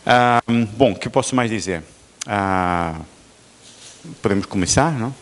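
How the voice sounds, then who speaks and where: A man with a European Portuguese accent leaning toward Brazilian delivers a university lecture. His voice sits somewhat low. He talks in halting bursts with restarts and frequent tag questions. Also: a bit bright. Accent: European Portuguese, softened toward Brazilian. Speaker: visiting professor, lecturer. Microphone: microphone at a lecture.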